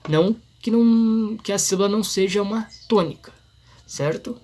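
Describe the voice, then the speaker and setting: A man explaining a grammar lesson in an informal, halting way, full of restarts and fillers. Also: high voice, a little mellow. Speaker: teacher.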